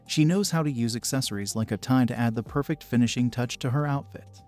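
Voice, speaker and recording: A man giving scripted narration for an anime video essay, in an even, polished delivery without fillers or slips. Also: mid-range voice. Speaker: channel narrator.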